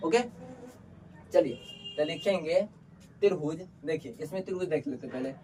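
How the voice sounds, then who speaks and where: A man's voice: on the high side, moderate pace, dark tone. Male teacher, distant mic. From Bihar. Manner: repeats questions and answers them himself; colloquial, calls students "babu". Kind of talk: board lesson explanation. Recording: distant mic with faint background noise.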